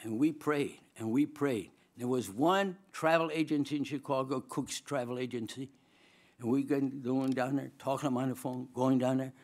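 A mid-range male voice at a moderate pace belongs to an older Swedish-accented man, a former dean speaking in chapel. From a lectern microphone in a large auditorium, he delivers a storytelling sermon. He keeps it lively and humorous, laughs a lot, and gestures broadly.

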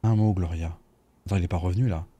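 A man, giving casual, animated let's play commentary and reading on-screen dialogue aloud. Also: low voice, fast talker, background noise. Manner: animated, swearing, talks to viewers. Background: game music.

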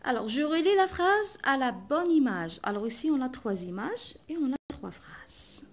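A woman's voice: high voice, lively intonation, moderate pace. A woman teacher, patiently explaining a workbook lesson and spelling letters aloud. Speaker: primary school teacher.

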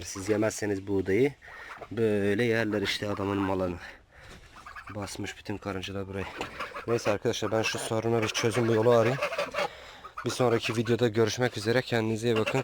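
A man's voice: lowish voice, flat delivery, fairly quick. A man chatting casually on his farm vlog, talking to his chickens and geese, scolding and coaxing them as he films. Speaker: small-farm vlogger. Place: outdoors at a small backyard farm. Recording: outdoor farm with audible poultry noise. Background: chickens and roosters clucking.

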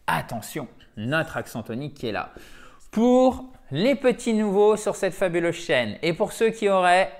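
A man's voice: high-pitched, big pitch swings, a little slow. A middle-aged man teaching English vocabulary in a chatty, self-mocking way, often repeating and rephrasing himself. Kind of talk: lively teaching monologue.

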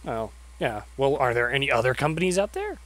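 A man's voice: mid-range voice, sing-song, fairly quick, a bit bright, no echo. Chatty man commenting on a game. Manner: chatty, joking, reacts over game dialogue. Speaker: let's play host.

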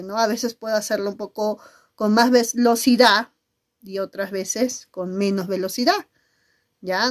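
A middle-aged woman teacher giving a video lesson, talking expressively and often checking in with her listeners. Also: mid-range voice. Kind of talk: video lesson on nonverbal communication.

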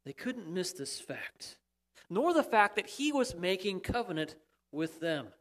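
High-pitched and very animated, this preacher speaks a little slowly in a fairly bright tone. His sermon is explanatory, emphatic at moments, with restarts as he drives key points home.

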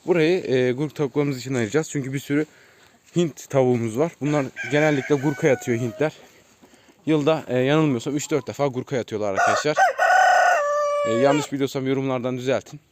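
A man casually showing viewers around his outdoor chicken coops, chatting to them as friends and calling out to his birds. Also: medium pitch. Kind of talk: casual vlog narration. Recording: noisy outdoor audio with chickens clucking and roosters crowing. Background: hens clucking and roosters crowing.

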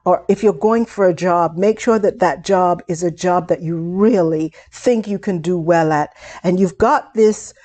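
A woman instructor giving a video lesson on public speaking, speaking in a deliberate, encouraging way. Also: fairly low pitch, dark tone.

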